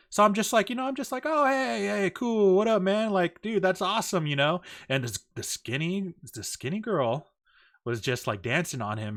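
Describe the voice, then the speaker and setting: A man chatting casually on a podcast, telling a story in an animated, profane way and acting out the quoted lines. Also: on the high side. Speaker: podcast host.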